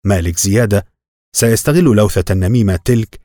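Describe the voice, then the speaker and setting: A man narrating a novel as an audiobook in a measured, even reading. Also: fairly low pitch, no room sound.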